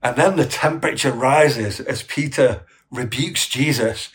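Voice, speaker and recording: A male preacher delivers his sermon at an unhurried, measured pace in a mid-range voice. He draws listeners into the story, inviting them to imagine the scene and turning to them with rhetorical questions. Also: medium pitch. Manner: asks the congregation rhetorical questions.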